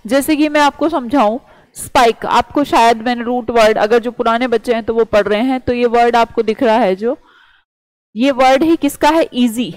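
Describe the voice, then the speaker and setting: A woman's voice: a little high, moderate pace, no room sound, poor audio. Hindi-speaking woman teaching vocabulary. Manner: explains by asking and answering questions. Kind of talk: vocabulary lecture.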